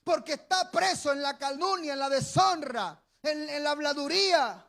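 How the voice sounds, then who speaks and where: A man preaching a sermon as pastor, calling on the congregation to repeat after him and breaking into shouted bursts. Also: very high-pitched, animated, moderate pace. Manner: preaching with sudden shouted bursts and call-and-response.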